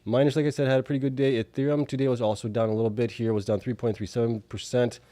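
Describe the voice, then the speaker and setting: A man's voice: mid-range voice, flat delivery, fast talker, warm tone, no echo. A man hosting a casual stock market recap, reading out figures informally with offhand asides, slightly affected by allergies. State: allergies, with coughing and sniffles. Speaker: host of a stock market video show.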